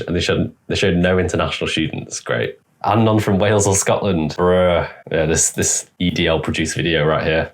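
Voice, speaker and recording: A young man hosting a reaction video, casually commenting on clips with sarcastic asides. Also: low-pitched. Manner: sarcastic, talks back at clips with quick asides.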